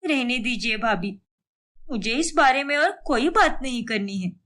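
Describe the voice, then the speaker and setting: An indignant young sister-in-law from an animated story talks in a sharp, accusing manner, as a woman voices her. Her voice is fairly high and swings up and down a lot. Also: a little slow. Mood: upset.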